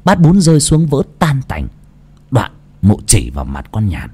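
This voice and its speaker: A man's voice: mid-range voice, moderate pace, breathy edge. A man narrating a Vietnamese ghost story in a dramatic, scripted storytelling manner. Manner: lively, dramatic.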